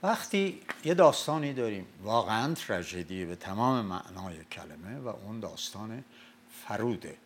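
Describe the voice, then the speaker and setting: An older man from Mazandaran, telling and explaining old epic tales in a relaxed talk. He recites lines of verse slowly and loudly, then goes back to plain speech. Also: lowish voice, a little hiss or hum. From Mazandaran, Iran. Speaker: storyteller discussing the Shahnameh. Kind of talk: casual lecture-style talk.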